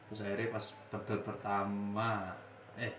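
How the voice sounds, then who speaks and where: A man's voice: on the low side, completely flat delivery, normal speed, noisy background. A young man from Lampung, casually telling a story as a guest, swearing often and laughing through it. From Lampung, Indonesia. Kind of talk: casual chat. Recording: roomy echo.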